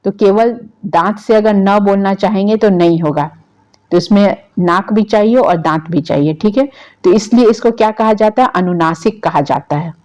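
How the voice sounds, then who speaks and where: A woman's voice: mid-range voice, moderate pace, darkish tone. Woman teaching grammar. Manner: asks questions and answers them herself, repeating key terms. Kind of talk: exam-prep lecture.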